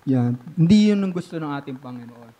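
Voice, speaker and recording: Pastor, male, high-pitched voice, animated sermon delivery, slips English into his preaching. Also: brisk. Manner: animated preaching with sudden swings from loud to hushed.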